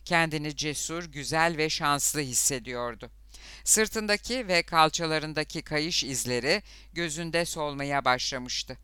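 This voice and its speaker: A man narrating an audiobook in a steady, even storytelling manner. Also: a little high, unhurried, clear, resonant tone, no room sound.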